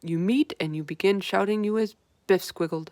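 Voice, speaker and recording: In a clean studio recording with no room sound, a woman performs a storybook's big, friendly old giant, a man who mangles his words in a folksy, earnest way. Her voice is medium-pitched with a darkish tone and moderate pace, lightly acted.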